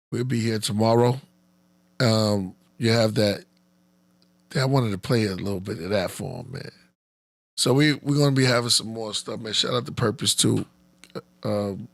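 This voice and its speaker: A man hosting a live podcast stream, chatting loosely and giving shout-outs. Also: fairly low pitch, vocal fry, no room sound. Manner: laid-back, loose, with shout-outs and laughs. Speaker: podcast host. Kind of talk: casual live-stream chat.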